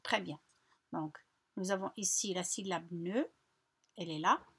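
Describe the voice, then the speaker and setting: A woman teacher slowly guiding children through a French workbook lesson, repeating words and spelling out syllables patiently. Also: on the low side, fairly bright tone, slightly rough. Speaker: primary school teacher. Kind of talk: recorded lesson walkthrough.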